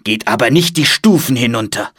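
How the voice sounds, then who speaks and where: A man's voice: mid-range voice, animated, brisk, a bit bright, breathy edge, no echo, clean studio sound. A man doing an urgent head monk. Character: earnest man, leader of the monks, urgent. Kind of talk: audiobook storytelling.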